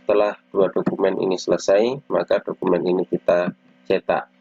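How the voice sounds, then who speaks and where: A man giving instructional narration in a measured, step-by-step explaining manner. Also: low-pitched, little pitch movement, creaky, mellow, slightly rough, no echo. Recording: dull lo-fi close recording.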